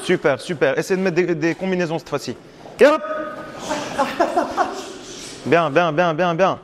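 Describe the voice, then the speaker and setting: Un homme, coach de boxe, qui donne des consignes fortes et encourageantes pendant un entraînement en salle. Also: male voice, on the high side, moderate pace, noisy background. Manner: loud, encouraging gym instructions. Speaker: boxing coach. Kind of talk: coaching a training session. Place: boxing gym.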